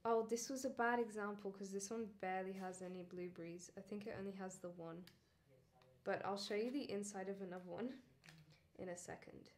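A woman's voice: medium pitch, fairly even intonation, normal speed. A woman hosting a casual baking vlog from her kitchen, chatty and enthusiastic as she talks viewers through a recipe. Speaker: baking channel host.

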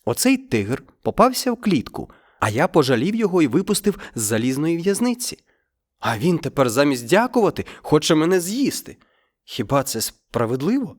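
A man's voice: a little high, sing-song, moderate pace, voice pushed up. A man voicing a kind, honest villager pleading for justice in a storybook reading. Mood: earnest. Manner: earnest, pleading.

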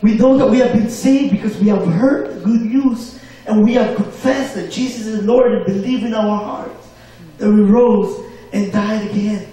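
Male preacher, high voice, call-and-response delivery, booming church echo, distant mic. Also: normal speed, warm tone. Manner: call-and-response, asks for amens. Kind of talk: sermon. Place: church hall. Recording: very echoey hall, mic far off.

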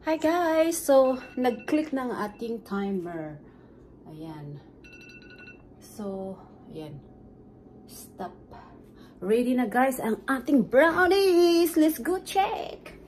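Her voice is high, expressive and a little mellow, and she draws out her words. She's a middle-aged home baking vlogger with a Filipino accent, mixing Tagalog and English as she talks casually to viewers while baking. The recording, made indoors in a small home kitchen on a phone propped nearby or at arm's length, has clear kitchen noise.

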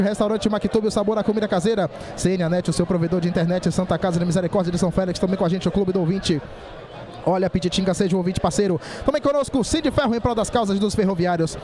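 A man's voice: sits high, darkish tone. A man with a Bahian accent calling a football match live from an outdoor ground. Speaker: football play-by-play announcer. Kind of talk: live sports commentary.

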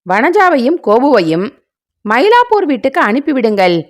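A man's voice: very high-pitched, very animated, moderate pace. A woman voicing a stern, domineering older man, a father-in-law, who speaks curtly and commandingly.

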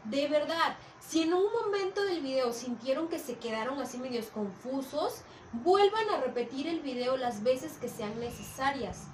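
A woman's voice: high voice, animated, moderate pace. A woman teaching a primary school class on video, patiently checking in with the children as she explains. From Mexico. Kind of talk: recorded video lesson for children. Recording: echoey room, from a distance, faint hiss.

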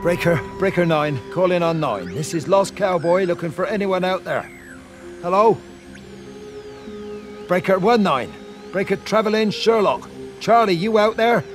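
A man's voice: high-pitched, measured pace, pauses often, soft background music. An actor playing a lone man calling out over a CB radio, using CB lingo in an urgent tone. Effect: CB radio transmission. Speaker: CB radio caller.

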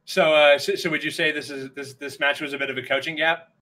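Bright-voiced, upbeat male esports caster. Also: fairly high pitch, fast, poor audio. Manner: energetic, rambling with many fillers. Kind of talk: live esports commentary.

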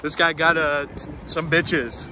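A young man vlogging a road trip from inside a car, joking and crude in a deadpan way. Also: on the high side, unhurried, crowd noise. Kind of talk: casual vlog narration and banter. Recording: noisy in-car camera audio. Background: car road noise.

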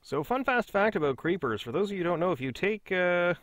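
A man's voice: sits high, very animated, a little fast, a bit bright, a little hiss or hum. A man hosting a Let's Play, chatting casually and mocking himself as he plays. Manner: chatty, self-mocking, talks to himself while playing. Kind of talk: casual gameplay commentary.

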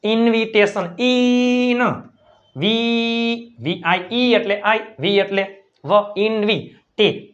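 A man teaching spoken English who drills each word slowly and checks in with viewers, then rushes through his asides. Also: high-pitched, a bit bright, lo-fi sound.

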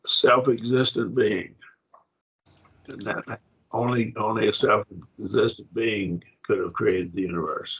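A man teaching a Bible Greek class, halting and repeating himself, often checking that the class follows. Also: lowish voice, steady tone, vocal fry, fairly bright tone, husky, muffled recording. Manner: halting, repeats words, asks the class if it makes sense.

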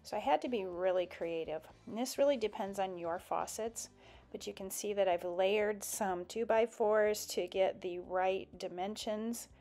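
A woman's voice: mid-range voice, measured pace, dark tone. A woman narrating a step-by-step build tutorial in a plain, explanatory voice-over.

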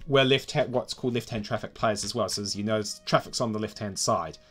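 A man's voice: lowish voice, quick pace, a bit bright, soft background music. A middle-aged man with a broad New Zealand accent, rambling and thinking aloud as he gives casual gameplay commentary on a stream. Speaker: game streamer. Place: indoor room at a desk.

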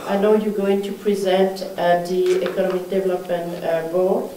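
Woman mayor, mellow voice, brisk chair of a council meeting; distant, roomy mic. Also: lowish voice, little pitch movement. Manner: brisk, moves through agenda items. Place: council chamber, indoors, mid-sized room. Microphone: far room mic. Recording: echoey room, distant mic, faint hiss.

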